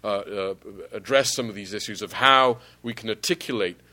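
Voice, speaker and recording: A man from Mexico speaking as an ambassador on a panel, giving formal policy remarks in measured, articulate, long sentences. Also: fairly low pitch, bright, forceful tone.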